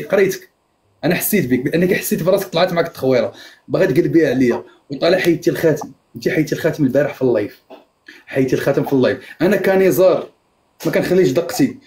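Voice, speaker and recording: A man's voice: fairly high pitch, darkish tone. A man with a Moroccan accent in a heated argument on a live stream, insisting again and again on being heard. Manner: insistent, repeats himself, keeps demanding to be heard.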